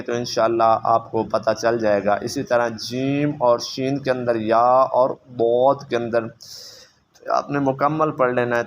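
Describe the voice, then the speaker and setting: A man teaching a recitation lesson, alternating brisk explanation with long, slow, stretched-out letter sounds. His voice sits at an ordinary middle pitch, with a faint hiss of noise behind it. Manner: explains quickly, then draws out letters slowly and loudly. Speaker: Quran reading teacher.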